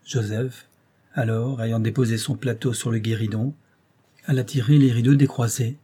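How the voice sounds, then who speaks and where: A man reading a novel aloud with steady narration. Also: medium pitch, normal speed, slightly rough. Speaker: audiobook reader.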